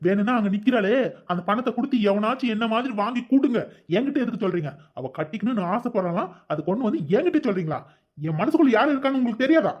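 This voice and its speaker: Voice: medium pitch, animated, fast, highs cut off, natural voice. A performer voicing a defiant young man in a cartoon, talking back to his parents in an argumentative way.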